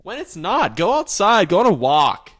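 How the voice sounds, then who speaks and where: A young man co-hosting a comedy podcast, hyper and joking, with shouty bursts and laughter. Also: sits high, huge pitch swings, moderate pace. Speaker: podcast co-host. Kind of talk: casual comedic chat.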